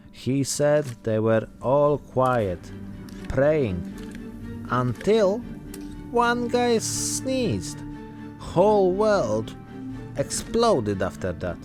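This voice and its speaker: A man voicing a weary immigrant zombie-apocalypse survivor, telling his story in short, deadpan, reflective phrases. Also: fairly high pitch. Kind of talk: narrated in-character role-play monologue.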